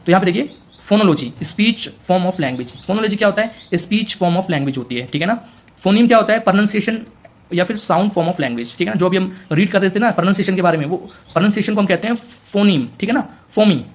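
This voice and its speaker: A man's voice: sits high, lively intonation, fast. A man teaching an exam-prep lecture, explaining in mixed Hindi and English, repeating points and constantly checking in with his students.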